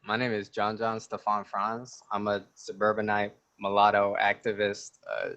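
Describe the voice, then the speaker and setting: A man's voice: lowish voice, completely flat delivery, normal speed, a bit bright, lo-fi sound. A 19-year-old man chatting casually as an interview guest, joking, laughing often and rambling with restarts.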